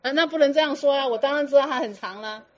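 A woman's voice: sits high, quick pace, muffled recording. A woman giving a Buddhist dharma talk to students, firing teasing rhetorical questions and slipping in English words. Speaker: Buddhist teacher.

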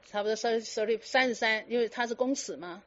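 A woman's voice: on the high side, fairly quick, fairly bright tone, dull audio. A woman giving a Buddhist dharma talk to students, firing teasing rhetorical questions and slipping in English words. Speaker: Buddhist teacher.

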